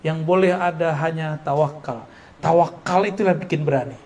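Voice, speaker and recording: A man giving a religious study lecture at an Islamic boarding school in casual style speech, lively and joking, often laughing. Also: fairly high pitch, moderate pace. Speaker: preacher.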